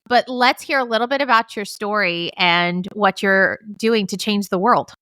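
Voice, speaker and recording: A woman hosts a podcast with a bright, smooth voice and speaks in an effusive, enthusiastic way. Her recording sounds dry and close. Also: medium pitch, moderate pace, no room sound. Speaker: podcast host. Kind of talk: podcast intro and interview.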